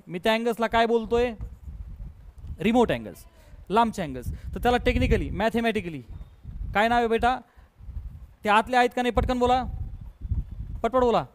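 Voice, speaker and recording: A man with a Marathi accent teaching a math lesson, briskly coaxing pupils and drilling them with repeated questions. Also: high voice. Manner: brisk, coaxing, keeps prompting pupils to answer quickly; repetitive call-and-response questioning. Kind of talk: online class lesson.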